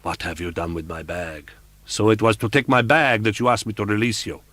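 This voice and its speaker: A man's voice: on the low side, brisk, a bit bright, no echo. A man reading an audiobook, voicing a volatile, jealous masked phantom who taunts and rages in a raised, grating voice. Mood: furious.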